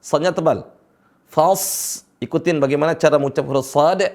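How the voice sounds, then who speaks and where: A man's voice: fairly high pitch, fast talker, darkish tone. A man teaching Quran recitation, patiently drilling each letter sound for his students.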